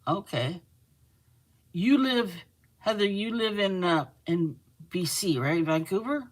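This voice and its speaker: Reading viewer comments aloud on her live crochet stream, a middle-aged Canadian woman from Manitoba chats casually, teases, and laughs a lot. She has a mid-range, animated voice and takes things slowly.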